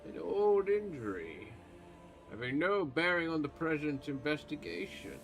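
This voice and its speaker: A man's voice: on the high side, very animated, measured pace, poor audio. A man voicing an aging male church pontifex who is stern and secretive, speaking in a formal, haughty, old-fashioned way. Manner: formal archaic speech, haughty and accusing.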